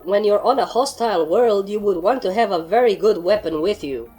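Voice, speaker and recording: A woman voicing an excitable, gun-loving female pony soldier in a fan story reading, high and whiny when excited. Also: fairly quick, faint music behind, close to an everyday voice. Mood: defensive.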